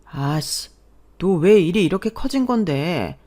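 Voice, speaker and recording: A woman's voice: fairly low pitch, expressive, unhurried, dark tone. A worn-out husband, played by a woman in a radio drama, stuck between his wife and his mother. He sounds exasperated and pleading, with a voice that rises and falls widely. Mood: defensive. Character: married man, weary husband caught between wife and mother. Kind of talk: Korean radio drama acting.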